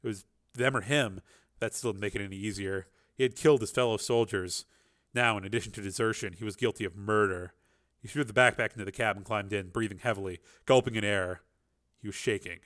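A man's voice: fairly low pitch, brisk, fairly bright tone. A man reading an action novel aloud as a dramatic, intense narrator. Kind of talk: dramatic audiobook-style narration.

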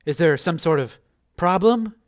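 A man's voice: a little high, lively intonation, measured pace, pitched above the performer's own voice. A man voicing a composed, polite female news reporter in audiobook dialogue. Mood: professional, puzzled. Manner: polite, businesslike, questioning. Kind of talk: acted dialogue in audiobook narration.

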